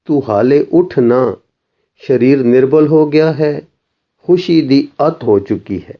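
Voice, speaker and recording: A man reading the lines of a gentle, saintly male master in a soft, consoling way, as part of a recorded story reading. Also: medium pitch, a little slow, lo-fi sound, lightly acted. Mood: tender, consoling.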